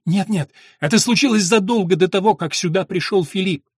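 A worn-out, strong-willed mother, as a male narrator gives her voice, tired and sharp-edged, crying out in anguish. The voice is husky and a touch high, read close and dry. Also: brisk, no room sound. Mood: anguished shouting. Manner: tired, irritated, breaking into shouts. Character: Ellen, strong, weary mother, woman.

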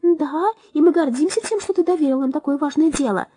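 A woman voicing a gentle, earnest green mouse in a storybook, speaking in an explanatory way. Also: sits high, brisk, no room sound, pitched above the performer's own voice, lightly acted.

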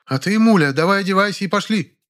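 A man doing a stout bossy woman, commanding, raised pitch, audiobook. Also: lively intonation, fast talker, fairly bright tone. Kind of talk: audiobook character voice.

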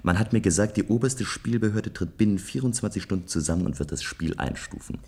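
This actor voices a future-society man hungry for adventure, reflecting slowly and deliberately in a German sci-fi radio drama. The delivery is animated, with a lowish, dark voice carrying some breathiness, and the mood comes across as eager and proud.

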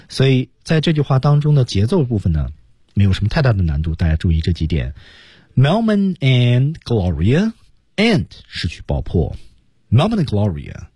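A man hosting a radio English lesson, explaining step by step and slowly modeling English phrases. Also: lowish voice, warm tone, slightly rough, no room sound, studio quality. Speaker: English teacher and radio host.

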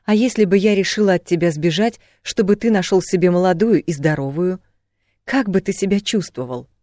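A man's voice: sits high, moderate pace, darkish tone, no room sound, studio quality, voice pushed up, lightly acted. A man voicing a fiery young woman. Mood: scolding. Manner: indignant, pleading, scolding. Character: spirited young woman, quick-tempered and loving. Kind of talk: audiobook reading.

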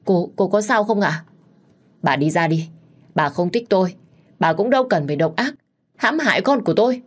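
A woman voicing a spoiled, scheming young pregnant woman who wails and accuses in a shrill, loud voice. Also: normal speed, natural voice. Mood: wailing.

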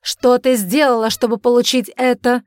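A woman voicing a stern, furious middle-aged father who accuses and shouts at his daughter in an audiobook. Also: mid-range voice, fairly even intonation, moderate pace, no echo, clean studio sound, natural voice. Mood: shouting.

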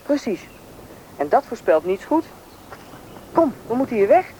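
A performer plays a bossy country boy who grew up in the taiga, knowing and impatient, in a radio drama with an urgent mood. The voice is medium-pitched, warm, sing-song and a little slow, heard through a noisy old recording.

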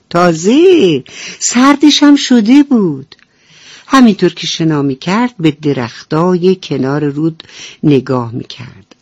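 A woman's voice: low voice, darkish tone, slightly rough, no room sound. A woman radio storyteller narrating a bedtime story for children, speaking affectionately and addressing the young listeners directly. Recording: dull lo-fi radio recording with faint music.

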